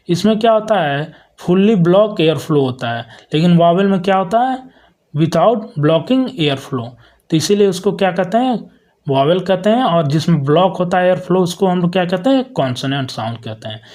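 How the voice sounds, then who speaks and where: A man giving an exam-prep lecture, asking himself rhetorical questions and reading English definitions out slowly. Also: on the high side, a little mellow. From India.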